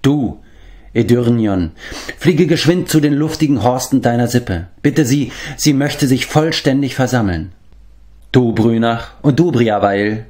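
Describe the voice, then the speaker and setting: A man voicing a wise, grave old man who watches over the animals, in a measured, stately storybook manner. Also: medium pitch, darkish tone, pitched above the performer's own voice, lightly acted. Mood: commanding.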